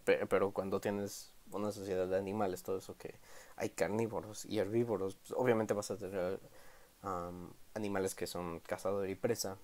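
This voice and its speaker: A man's voice: low voice, fairly even intonation, normal speed, darkish tone. Rambling man reviewing manga. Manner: rambling, stammers and self-corrects.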